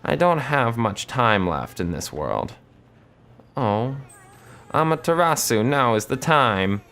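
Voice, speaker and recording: A man voicing an ancient female wood sprite in a game story, using a high falsetto with a solemn manner. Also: very animated, slow pace, a bit bright, exaggerated voice.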